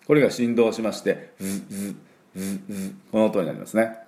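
A Japanese-speaking man teaching English pronunciation, repeating each sound slowly for learners and filling pauses with "um" and "well". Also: fairly low pitch, a little mellow. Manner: frequent fillers "えー" and "まあ". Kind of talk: pronunciation lesson.

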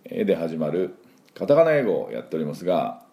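Deep gravelly man teaching pronunciation. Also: huge pitch swings, brisk, dark tone. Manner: drills sounds aloud, has listeners repeat after him; chatty and encouraging, with filler words. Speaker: English school principal and teacher. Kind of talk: English pronunciation lesson.

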